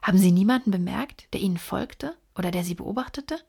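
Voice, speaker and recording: Here is a woman voicing a sharp, precise male detective in an audiobook, laying out his deductions in a measured, lecturing way. The voice has a gravelly fry and sits at an ordinary middle pitch. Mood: reasoning. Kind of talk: audiobook reading.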